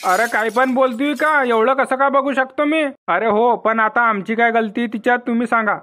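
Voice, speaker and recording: A man's voice: very high voice, fairly even intonation, moderate pace, pushed and bright. A man, doing cartoon comedy voices. He talks in a brash, blustering village manner, and a faint hiss sits behind him. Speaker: cartoon creator voicing the characters.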